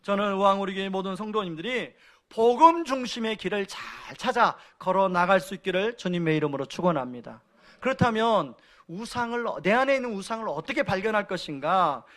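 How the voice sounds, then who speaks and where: A male pastor in his forties delivers a sermon in a high voice. He talks in a relaxed, conversational way, sharing stories from home. Now and then he stops to put questions directly to the congregation. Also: a little fast.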